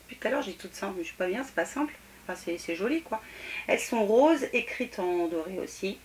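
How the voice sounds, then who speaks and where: A woman's voice: medium pitch, expressive, fast. A woman chatting casually to camera about her decor haul, full of hesitations and self-corrections. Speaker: home decor haul vlogger.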